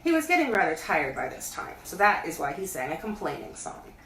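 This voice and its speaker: Woman storyteller, highly varied intonation, reading bedtime tales, set back from the mic with slight hiss. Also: very animated, fairly quick, fairly bright tone. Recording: echoey room, distant mic, faint hiss.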